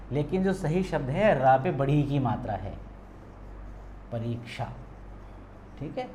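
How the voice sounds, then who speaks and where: Guy teaching spelling, patient, says words slow and keeps checking in, bit of noise behind. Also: mid-range voice, darkish tone. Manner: patient, repeats words slowly and checks in with "ठीक है". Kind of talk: spelling lesson at a board.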